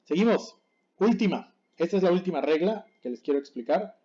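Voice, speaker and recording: A man teaching a language lesson, patiently saying each word slowly and then again to contrast the right and wrong way, and often checking that his class follows. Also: sits high, animated, mellow, muffled recording. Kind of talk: explaining Japanese pronunciation on screen.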